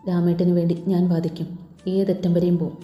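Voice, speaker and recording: A woman voicing a gentle, grieving young husband who is a lawyer, speaking in quiet, low-key replies. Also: level tone, a little fast, close to an everyday voice. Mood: somber. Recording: echoey lo-fi room with faint music.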